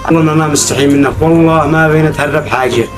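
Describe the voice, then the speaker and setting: A poor young Yemeni man played by a young actor pleads with his creditor, swearing one oath after another. He speaks very fast in a somewhat high voice over loud background music. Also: fairly even intonation, lightly acted. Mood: pleading. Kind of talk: web drama acting. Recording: loud music under the dialogue.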